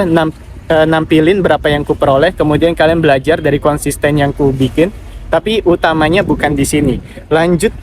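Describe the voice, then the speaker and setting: A man's voice: a little high, darkish tone, a little hiss or hum. A man hosting a casual live Q&A, giving direct advice and reading out viewer comments. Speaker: affiliate marketing livestreamer.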